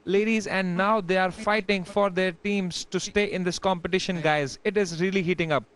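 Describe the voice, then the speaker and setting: A man commentates on live chess in a high-pitched, crisp and clean voice. His delivery is excitable and addressed straight to the viewers. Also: normal speed.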